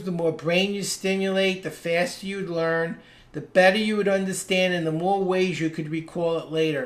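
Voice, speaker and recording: Patient reading instructor in a roomy echo. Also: medium pitch. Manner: explains patiently and stresses single words to show inflection. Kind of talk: live webinar lesson.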